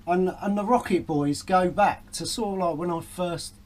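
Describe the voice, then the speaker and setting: A male host with a fairly high voice keeps the talk going with frequent short, encouraging comments. His delivery is relaxed and conversational. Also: normal speed. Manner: encouraging, full of short agreeing remarks. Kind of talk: casual interview chat.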